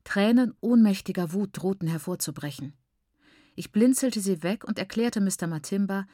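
Low-voiced woman reading a story. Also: darkish tone, no echo, clean studio sound. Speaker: audiobook narrator. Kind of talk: scripted first-person narration.

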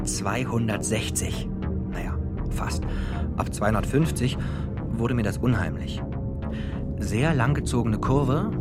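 A man with a medium-pitched, natural voice narrates a radio drama in the first person as a grown son recalling his family's troubles. His sentences are short, dry and matter-of-fact, spoken over clear music.

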